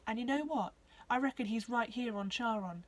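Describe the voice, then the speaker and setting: A woman's voice: on the high side, moderate pace, natural voice. Bixer, a woman playing a fierce hoofed alien girl. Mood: urgent. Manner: urgent, persuasive. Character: brave determined young female alien creature with hooves.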